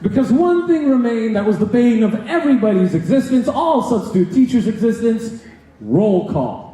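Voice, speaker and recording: A young American man doing stand-up comedy into a stage mic, animated and full of rhetorical asides. His voice sits high and mellow and jumps around with lively pitch. It rings out through a very echoey hall. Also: normal speed.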